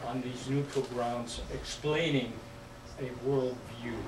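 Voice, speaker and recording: A man in the audience making a hesitant comment at a public talk, with many pauses and fillers. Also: medium pitch, steady tone. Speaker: audience member asking a question. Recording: roomy hall sound from a distance, clear noise.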